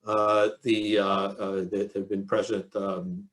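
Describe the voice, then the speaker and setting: A man's voice: lowish voice, level tone, slow, fairly bright tone. An older man giving an academic lecture, hesitant, with many fillers and restarts, chuckling at his own asides. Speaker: economist giving a presidential address.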